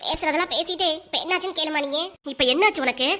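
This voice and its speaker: A high voice doing a nagging cartoon mother. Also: quick pace, bright, forceful tone. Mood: pestering. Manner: pestering, questioning. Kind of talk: cartoon voice acting.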